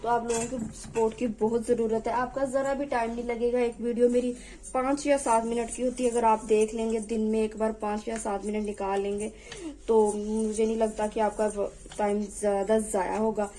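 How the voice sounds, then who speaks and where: A woman's voice: on the high side, level tone, normal speed, dark tone, rough recording. A young woman hosting a home cooking tutorial in her kitchen, chatting as she works and pleading with viewers to subscribe. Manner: talks while cooking, voice drops off-mic at times. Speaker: cooking channel host.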